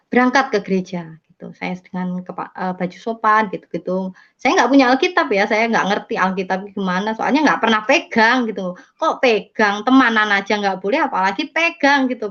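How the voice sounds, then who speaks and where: A woman's voice: medium pitch, a bit bright. Woman telling her faith story, lo-fi. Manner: rambling, many fillers and self-corrections. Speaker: testimony speaker. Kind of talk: casual spoken testimony. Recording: dull lo-fi sound.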